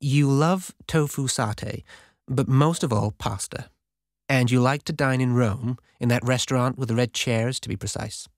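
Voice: mid-range voice, lively intonation, moderate pace, darkish tone, no room sound, clean studio sound, lightly acted. A narrator voicing a cheeky inner voice that speaks in a playful, matter-of-fact way. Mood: teasing.

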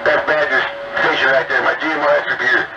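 A man's voice: mid-range voice, steady tone, fast. A man on a CB radio call, chatting in an easygoing way and repeating his phrases. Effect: heard over CB radio. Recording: distant muffled CB radio with heavy static.

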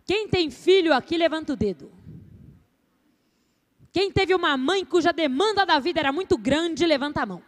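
A woman with a high voice performs a story live for a seminar audience. She talks expressively and playfully, often asking the crowd to raise their hands. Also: animated, moderate pace, pauses often. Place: seminar stage before an audience.

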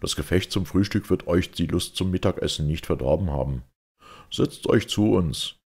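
A man's voice: sits low, normal speed, a little mellow, voice pushed up. A man doing a fatherly old commander. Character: veteran male commander, warm and fatherly.

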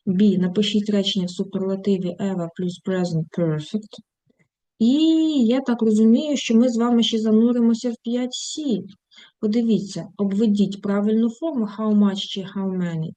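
Female language teacher, mellow voice, methodical lesson walkthrough, dry recording. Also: mid-range voice, steady tone, normal speed, dry recording, low-quality recording. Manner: explains textbook tasks step by step, mixing English phrases into Ukrainian. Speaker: English teacher.

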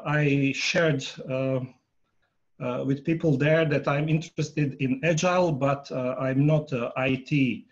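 A Croatian-speaking man in his fifties presents a workshop as an online conference talk, on a video call from a room at home. He is halting, pausing often with fillers and polling the audience. His voice is a little high, picked up by an earphone headset with the highs cut off.

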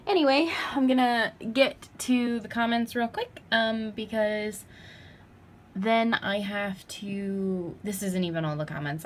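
A woman's voice: lowish voice, slight background noise. A young woman in her twenties chatting casually in a home vlog, talking sweetly to her pets. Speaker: vlogger. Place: home pet room, indoors.

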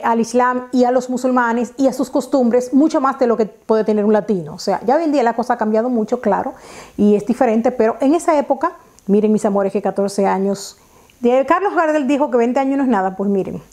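A woman's voice: fairly high pitch, mellow. A woman in her thirties from the Dominican Republic with a Dominican Spanish accent, telling a story to camera in a casual, chatty way with many fillers and restarts, recorded on a lapel mic in her living room. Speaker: vlogger. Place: living room at home, indoors.

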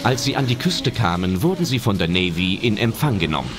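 A man with a lowish, sing-song voice reads scripted narration for an adventure audio drama at a fairly quick pace. Loud film-style music and effects play beneath his voice.

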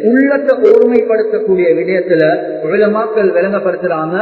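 A man giving an Islamic sermon, addressing listeners as respected brothers and friends and chanting Arabic verses. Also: very high voice. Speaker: preacher. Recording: tinny, echoey hall from far off.

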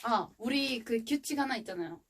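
A woman's voice: on the high side, expressive, normal speed, a little hiss or hum. A woman, chatting casually and teasingly as she hosts an eating show. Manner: playful, teasing. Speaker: mukbang host. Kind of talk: casual chat while eating.

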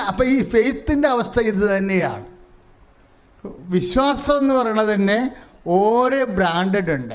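High-voiced man preaching. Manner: explains by listing examples. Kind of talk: sermon teaching.

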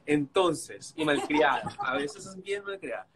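A man's voice: fairly high pitch, animated, measured pace, noisy background. A man with a Colombian accent telling stories animatedly on a video call, mimicking others and laughing. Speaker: guest on a live stream. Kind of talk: casual storytelling on a video call.

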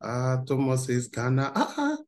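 A man's voice: mid-range voice, wildly swooping pitch, moderate pace. A man, running an interactive online workshop for teens over a video call. He talks in an upbeat way and reads out replies from the chat. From Nigeria. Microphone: video call webcam.

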